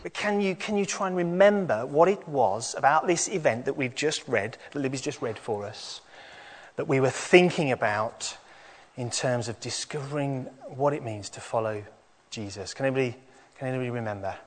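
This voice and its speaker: A man's voice: mid-range voice, moderate pace. A man leading an interactive children's sermon in the manner of a kids show host, prompting the children with questions. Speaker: children's talk leader at church. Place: large reverberant indoor hall. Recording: echoey hall with long reverb.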